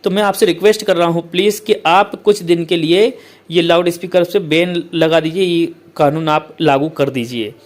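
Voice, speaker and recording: With a steady tone and a slightly high voice, a patient male tutor teaches students the format of a letter. He slowly reads out English lines, explains each one, and repeatedly says "okay, friends."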